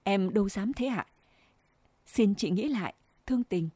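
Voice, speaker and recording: A young village woman begs for mercy in a humble, tearful voice, as a woman reads her part. The tone is soft and mellow, with a dry close sound. She keeps pleading and giving way. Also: medium pitch, animated, unhurried, slightly rough, dry recording.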